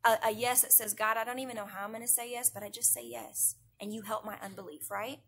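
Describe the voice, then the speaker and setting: A woman leads an online church devotional with a bright, fairly high voice. She talks earnestly and stacks repeated phrases for emphasis, building toward prayer. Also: steady tone, quick pace, breathy edge. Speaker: youth director. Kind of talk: devotional talk. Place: indoors, online church broadcast.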